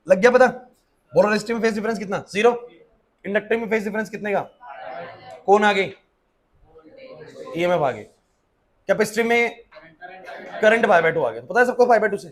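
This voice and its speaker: High-voiced man quizzing a class. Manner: drills students with quick questions and answers them himself; mixes English technical terms into his talk. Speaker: physics tutor. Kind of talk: classroom lecture. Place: classroom with students.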